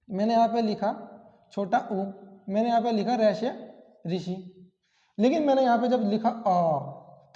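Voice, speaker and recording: This man's voice is very high-pitched with a dark tone as he teaches an exam-prep grammar lesson. He repeats key terms and poses rhetorical questions, all captured in an echoey, dull, lo-fi classroom recording.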